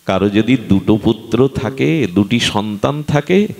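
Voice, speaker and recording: A man's voice: animated, a little slow, gravelly, darkish tone, big-room sound. A man preaching a devotional sermon, telling a sacred story with impassioned rises and chanting verses in melody. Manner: impassioned, rising to high emotional peaks.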